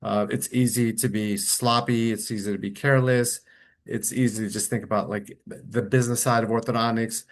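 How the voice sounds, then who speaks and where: Talking at normal speed in a voice on the low side, a middle-aged orthodontist from Colombia lectures casually in a webinar via video call. His computer mic picks up a conversational delivery full of fillers and false starts.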